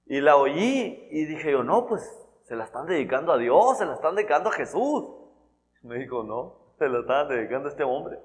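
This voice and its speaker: A man's voice: a little high, big pitch swings, normal speed. Guy preaching in church, chatty and earnest, keeps restarting words, voice rings out in a big echoey hall. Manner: conversational, earnest, with many restarts and "¿verdad?" checks. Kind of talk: sermon. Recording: long church-hall reverb.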